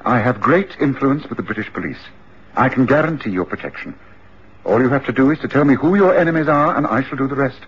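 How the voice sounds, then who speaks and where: An actor playing Sherlock Holmes, a calm, commanding detective who talks in a measured and gently reassuring way. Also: male voice, mid-range voice, husky. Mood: soothing. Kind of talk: radio drama acting. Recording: muffled radio drama recording.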